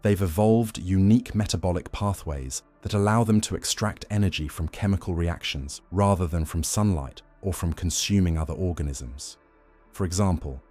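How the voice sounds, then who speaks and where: A man reads scripted nature documentary narration in a deep, low voice. He explains things in a measured way, as a narrator would. Faint music plays behind him. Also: a little mellow. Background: background music.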